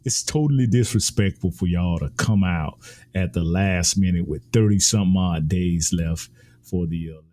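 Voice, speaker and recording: A man's voice: normal speed, darkish tone. A man giving heated, emphatic political commentary, his voice climbing as he argues. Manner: impassioned, emphatic, rises in pitch when ranting.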